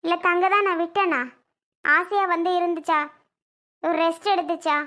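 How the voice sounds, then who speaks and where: A woman's voice: very high-pitched, fairly even intonation, moderate pace, pushed and bright. A woman playing a pleading, self-blaming mother in an amateur family drama skit. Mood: resentful. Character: pleading mother, wife of a failed son.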